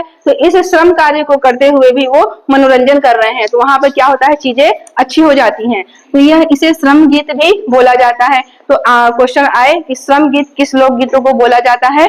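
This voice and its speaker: A woman teaches an exam-coaching lecture in a high voice. She explains patiently, repeats the key points and asks her students rhetorical questions. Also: rough recording.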